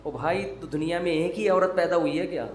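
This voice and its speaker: A male Islamic preacher giving a sermon in a joking, teasing, conversational way. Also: on the high side. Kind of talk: humorous sermon. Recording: roomy echo.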